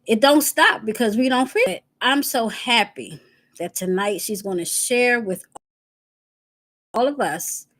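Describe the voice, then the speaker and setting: A woman's voice: on the high side, a little slow, a bit bright. A woman hosting her weekly live stream, casual and emotional, close to tears as she introduces a guest. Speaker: host.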